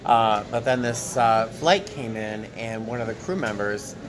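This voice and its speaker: A tired flight attendant vlogger chats casually to the handheld camera he holds at arm's length in an airport terminal. His voice sits on the low side and moves at a measured pace, with crowd noise and clear airport sounds behind him, though the audio quality is poor.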